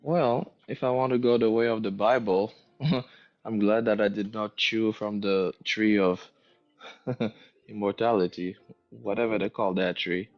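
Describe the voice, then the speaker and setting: A man's voice: on the low side, steady tone, a little slow. A man with a thick foreign accent in casual discussion, thinking aloud hesitantly and repeating his phrases. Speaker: guest answering questions. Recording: dull lo-fi audio, music behind.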